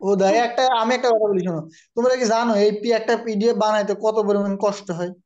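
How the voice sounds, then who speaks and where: A man's voice: sits high, fairly even intonation, fast talker, a little mellow, lo-fi sound. A man with a Bangladeshi Bengali accent teaching an online exam-prep grammar class, who explains patiently and calls on students by name.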